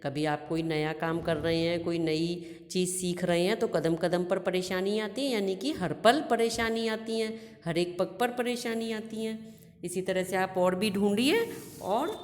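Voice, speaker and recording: A woman's voice: lowish voice, measured pace, darkish tone. A woman teacher giving a recorded grammar lesson, patiently explaining each example twice. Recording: echoey room with long reverb.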